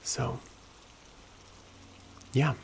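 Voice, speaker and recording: A man speaking in a slow, soft, hushed and gentle ASMR pep talk style, at times whispery. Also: a little hiss or hum. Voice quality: low, very creaky. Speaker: ASMR host.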